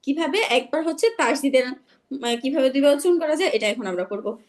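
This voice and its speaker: This high, lively-sounding young woman is unwell as she runs an online lesson on Quran recitation rules. Patient and repetitive, she restates the rules at a slow pace and checks whether her students are keeping up.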